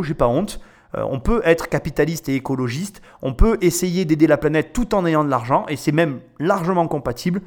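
A man giving casual, emphatic commentary as host while reacting to a business pitch. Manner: chatty, informal, emphatic.

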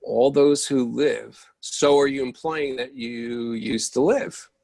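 Voicing an impatient, coffee-needing character in a readers theatre production, this reader has a gravelly, dark, mid-range voice. The exchange is bickering, and he plays it exasperated, losing patience fast.

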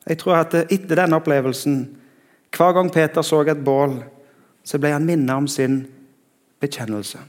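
A middle-aged man delivers a sermon, his voice a little higher than most men's. He talks to the congregation in a conversational way and often stops to search for words. A long reverb trails after each phrase, as in a large hall. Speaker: preacher.

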